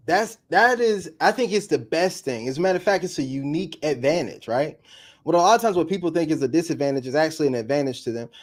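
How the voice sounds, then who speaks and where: A man, a YouTube coach, explaining his advice to an interviewer, with fast bursts of enthusiasm. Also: a little high, lively intonation. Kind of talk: casual interview talk.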